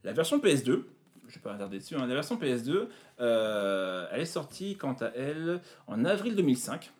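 A man presenting retro video games in a casual chat, pausing often with fillers. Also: medium pitch, very animated, darkish tone. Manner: hesitant, many fillers. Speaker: game presenter.

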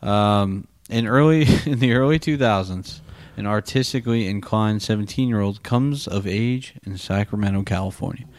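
A man's voice: on the low side, moderate pace, hardly any pauses. A young man co-hosting a podcast, talking casually and joking at his own expense about movies. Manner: joking, self-deprecating, laid-back. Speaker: podcast co-host. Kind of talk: casual film review chat.

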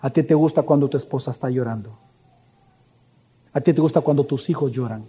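A man's voice: medium pitch, brisk, warm tone, breathy edge, in a large hall. A man preaching a sermon as pastor, addressing the congregation with rhetorical questions.

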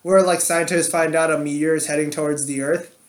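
A man's voice: fairly high pitch, steady tone, fairly quick. A man co-hosting a casual podcast, rambling through stories with lots of fillers and restarts. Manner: rambling, filler-heavy storytelling. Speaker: podcast co-host. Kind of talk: casual chat.

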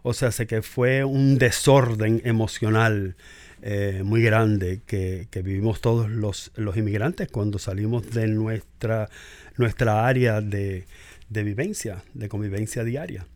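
Cuban-born man in his 60s, low-ish register, hesitant, dry close mic. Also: fairly even intonation, darkish tone, dry recording. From Cuba. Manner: hesitant, many drawn-out "eh" pauses. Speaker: guest, physician. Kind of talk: reflective interview talk.

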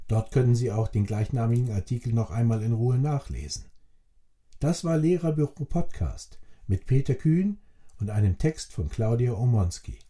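A man reading a scripted guided relaxation as a podcast narrator, in a measured, instructional way with formal address. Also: mid-range voice, mellow.

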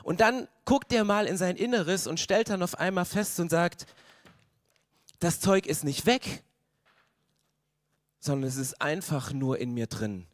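A young man preaching a sermon, earnest and rising to loud, passionate stretches. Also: fairly high pitch, lively intonation, unhurried, pauses often, no room sound, clean studio sound. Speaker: pastor.

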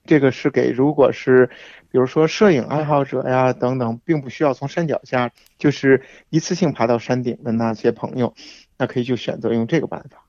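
A man's voice: mid-range voice, a little mellow, no echo. Man, radio guest, explanatory, muffled, dry. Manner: explanatory, measured, with frequent fillers. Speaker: guest hiking expert. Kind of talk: casual radio interview.

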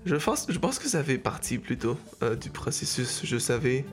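A man's voice: mid-range voice, moderate pace. A young man from Mexico, half Canadian, answering interview questions casually, with fillers and restarts. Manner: relaxed, hesitant, with fillers. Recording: faint music behind.

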